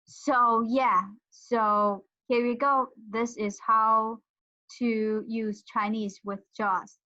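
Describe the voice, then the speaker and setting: Woman giving a slow, muffled tutorial. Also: fairly high pitch, level tone, sharp tone. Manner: hesitant, thinking aloud while demonstrating. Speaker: instructor. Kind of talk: casual tutorial demonstration. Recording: dull lo-fi audio.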